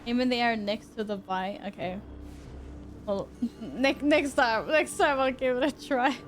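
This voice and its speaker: A woman's voice: on the high side, fairly even intonation, measured pace. A woman doing casual, playful live gaming commentary with little sing-song asides. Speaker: game streamer.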